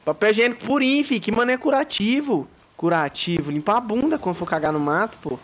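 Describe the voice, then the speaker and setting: Jumpy Brazilian gamer yelping at scares. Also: male voice, high-pitched, expressive, fast talker, slight background noise. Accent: Brazilian Portuguese. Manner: jumpy, yelps and shouts when startled, slangy and swearing. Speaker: gaming YouTuber. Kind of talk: let's play commentary.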